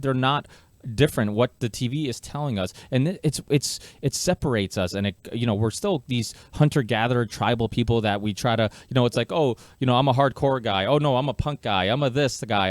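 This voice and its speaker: A man's voice: mid-range voice, no echo. A man born in Portugal hosting a podcast, talking in a loose, chatty way. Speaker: podcast host. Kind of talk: casual podcast conversation.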